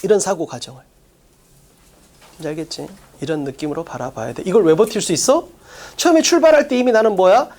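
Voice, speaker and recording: An English exam-prep teacher giving an online lecture, coaching students with quick rhetorical questions in a casual, plain classroom way. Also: medium pitch, expressive, darkish tone.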